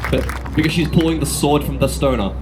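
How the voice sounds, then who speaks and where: A man's voice: fairly high pitch, fairly quick, over loud music. A man with an Australian accent giving a sword swallower's comedic street show patter, cheeky and teasing as he addresses a crowd. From Australia, from Melbourne. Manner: cheeky showman, teasing the audience and volunteer. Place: outdoor city street. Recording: outdoor street noise with traffic.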